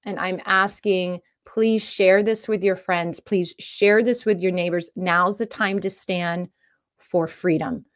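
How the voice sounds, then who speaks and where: A woman's voice: lowish voice, fairly even intonation, slow pace. A woman comedian speaking earnestly and urgently to her viewers about faith and freedom, with frequent restarts. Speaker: comedian giving a faith message. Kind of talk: impassioned direct-to-camera talk.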